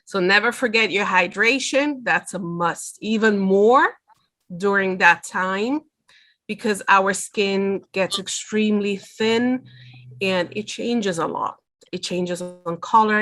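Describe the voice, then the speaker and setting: A middle-aged makeup artist from Switzerland, earnestly explaining things step by step in a webinar over a video call. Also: female voice, mid-range voice, a bit bright. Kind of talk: webinar talk.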